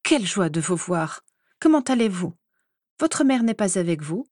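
A woman voicing a lively adult woman in a storybook reading, hearty and outspoken, quick to turn sharp. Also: fairly low pitch, no echo, clean studio sound, close to an everyday voice. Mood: cheerful. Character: lively grown woman, warm but quick to anger.

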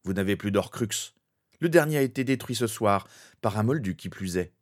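A man's voice: on the low side, lively intonation, normal speed. A man voicing a brave young wizard hero in a fan fiction reading, earnest and determined. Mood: resolute.

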